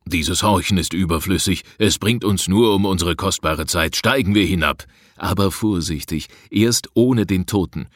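A bold grave robber with a deep, low voice and a curt, mocking way of giving orders, as a male audiobook reader puts him on. The recording is close and dry, with no room sound at all. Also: moderate pace, no echo. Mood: scornful.

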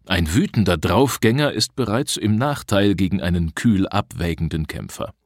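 Expressive male storybook reader. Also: deep voice, moderate pace, dry recording, studio quality. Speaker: audiobook reader. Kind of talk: scripted narration.

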